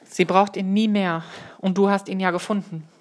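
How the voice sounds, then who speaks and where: A woman voicing a gentle, sad young boy who speaks softly and wistfully in a storybook reading. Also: medium pitch, fairly even intonation, normal speed, lightly acted.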